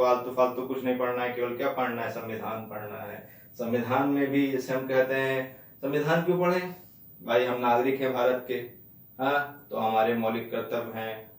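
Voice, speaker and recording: Man lecturing in an echoey classroom. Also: mid-range voice. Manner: repeats key words, asks and answers own questions. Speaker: teacher. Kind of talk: exam-prep lecture. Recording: echoey room, mic at a distance.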